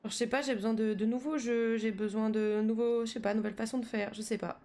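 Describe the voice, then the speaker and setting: A woman's voice: a little high, fairly even intonation, quick pace, mellow. A young woman chatting casually with her live-stream audience while she plays, full of slang and fillers.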